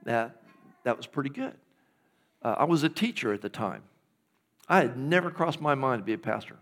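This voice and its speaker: A man's voice: medium pitch, sing-song, moderate pace, fairly bright tone. A middle-aged man, a pastor preaching a conversational sermon in a church and checking in with the congregation. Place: church sanctuary.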